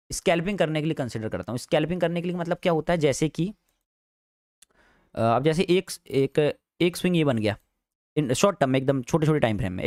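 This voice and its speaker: A man's voice: a little high, a little mellow, no echo, clean studio sound. A man teaching a live trading class in a chatty, teasing way, repeating each point. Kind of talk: casual live class lecture.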